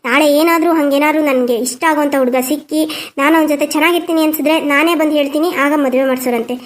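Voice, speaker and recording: A woman's voice: sits high, steady tone, fast talker, lightly acted. A woman voicing a headstrong, defiant young daughter in a cartoon who talks bluntly and dismissively. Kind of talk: cartoon voice acting.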